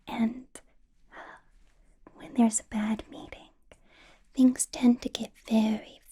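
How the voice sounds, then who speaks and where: This ASMR roleplay features a woman whispering throughout as a centuries-old female vampire boss, possessive and teasing, menacing yet given to playful laughs. Her pitch is fairly high, and the voice is mellow with a slight roughness.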